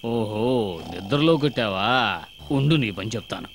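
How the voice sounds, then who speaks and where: An actor playing an angry village man who threatens and complains loudly about his sister. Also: fairly low pitch, moderate pace, a little hiss or hum, lightly acted. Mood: menacing. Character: hot-tempered village man, vengeful brother. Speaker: angry brother of a wronged sister. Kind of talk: dubbed film comedy dialogue.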